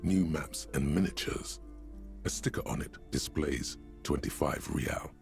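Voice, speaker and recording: A man voicing a stern, scornful narrator in a video game, measured and descriptive. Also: rumbling low, full character voice. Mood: grave. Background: faint game music.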